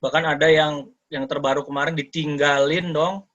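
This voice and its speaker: A man lecturing over a video call, his voice bright and forceful and a little high for a man. He talks in a lively way, slips English terms into his explanations and jumps into the voices of the people he quotes. The audio is dull and lo-fi, like a call line. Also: normal speed. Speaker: educator giving a talk. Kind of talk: online sharing session talk.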